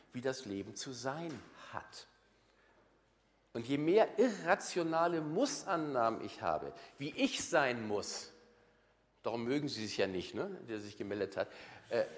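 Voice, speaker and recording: A man giving a lively motivational seminar talk to an audience, emphatic, blunt and repetitive. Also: a little high. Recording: long hall reverb.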